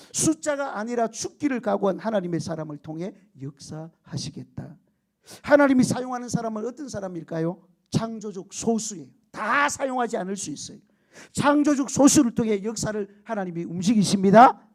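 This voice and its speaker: A male pastor preaching a lively sermon, often asking the congregation questions and acting out the quotes he tells. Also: sits high. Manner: animated storytelling with shouted quotes and laughter; keeps prompting the congregation for answers.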